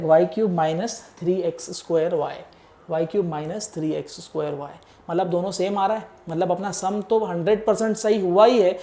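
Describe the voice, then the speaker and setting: A man's voice: high voice, warm tone. Casual man tutoring exam math. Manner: casual, coaxing tone, addresses students as beta; works through steps aloud while writing. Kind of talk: exam-prep lecture.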